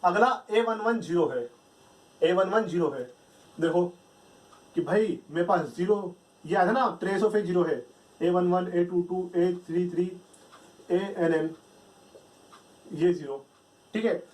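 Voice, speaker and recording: Man, math teacher, high voice, step-by-step explaining, rhetorical questions, distant mic. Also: slow pace, pauses often, a little mellow. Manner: explains step by step, asks and answers his own questions. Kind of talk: whiteboard math lecture.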